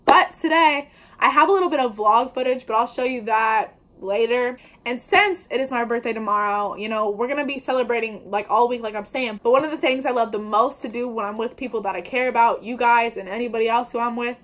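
At home at a kitchen table in front of a wallpapered wall, a young woman bakes while vlogging, chatting casually to the camera in an upbeat, slangy way. Her voice is on the high side and a bit bright, and she talks fairly quickly.

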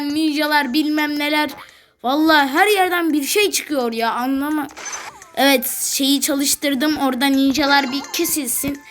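A woman giving casual, excitable commentary while playing a video game, talking back to the game and swearing playfully. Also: sits high. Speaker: gaming channel host.

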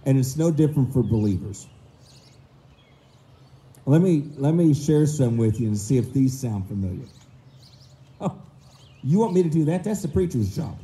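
This morning a middle-aged minister sounds hoarse and low as he preaches a sermon into a stand mic under an outdoor park pavilion. His tone is dark and expressive, and he acts out people's excuses in quick little voices while landing slow, emphatic stresses. Birds and faint outdoor ambience sit in the background.

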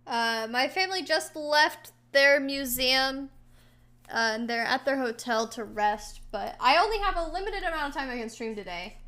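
Casting: woman live streamer, high voice, chatty, answers viewers' chat with lots of fillers. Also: animated, normal speed, sharp tone. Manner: frequent fillers and restarts.

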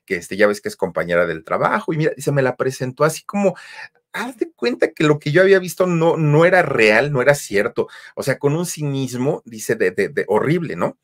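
A man retelling a listener's true horror story as host, with dramatic leaps of pitch on key words and many fillers. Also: very animated, a little fast.

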